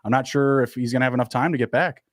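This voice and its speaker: A man talking fast and upbeat as a podcast co-host, moving briskly from one stat to the next. His voice is close and dry, with no room sound around it. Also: mid-range voice, fairly even intonation, no room sound. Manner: quick, upbeat, stat-heavy talk with fillers. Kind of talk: fantasy football podcast chat.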